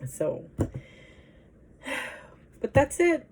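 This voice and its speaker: Speaking extremely slowly in a darkish tone, a woman vlogger chats casually to her camera, rambling and hesitant with many fillers. Her nose is stuffy from allergies.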